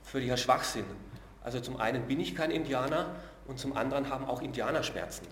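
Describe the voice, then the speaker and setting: Prediger in hallendem Saal. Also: male voice, medium pitch, echoey room, slight background noise. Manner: earnest, slows and drops to a hush on key words; uses filler sounds between phrases. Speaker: preacher. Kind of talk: sermon.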